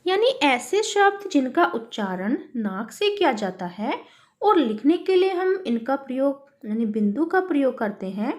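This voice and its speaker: A woman's voice: sits high, big pitch swings, measured pace, darkish tone. A woman teaching a children's worksheet lesson. She calls the pupils "beta" and asks and answers her own questions.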